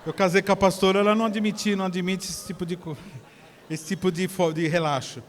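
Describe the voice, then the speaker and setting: A man with a Brazilian Portuguese accent preaching a sermon at a church service, telling stories in an animated way that swings from near-shouts to soft asides. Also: sits high, fast, slight background noise. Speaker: pastor. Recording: long church hall reverb.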